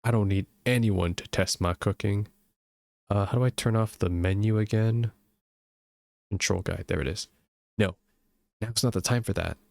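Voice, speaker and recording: A man's voice: on the low side, normal speed, creaky, long pauses, darkish tone, no echo, clean studio sound. A man giving casual gaming commentary and reading story text aloud as he plays. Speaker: let's play streamer.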